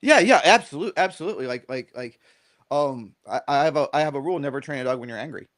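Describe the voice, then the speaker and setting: A middle-aged man with a mid-range voice talks fast as a dog trainer guesting on a podcast. His delivery is casual and rambling, peppered with "right?" check-ins, and he's an animated storyteller who acts out quoted lines.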